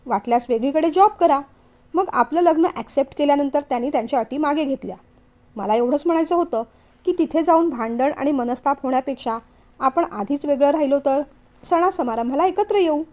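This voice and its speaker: An outspoken young bride-to-be, frank and uneasy, from an audio novel, read out by a woman. her voice sits high and light. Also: a little fast, darkish tone, natural voice. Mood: worried. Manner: worried, frank.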